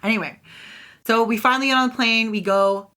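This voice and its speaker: A woman's voice: on the high side, brisk. A woman co-hosting a podcast, telling a long personal story in casual chat and acting out the voices of people in it. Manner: animated storyteller, acts out quoted voices. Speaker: podcast co-host.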